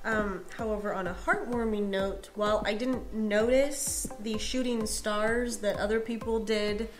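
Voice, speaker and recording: A woman co-hosting a podcast review and presenting a segment, speaking in a measured, thoughtful way with filler words. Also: medium pitch, fairly even intonation, over music. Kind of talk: casual review chat.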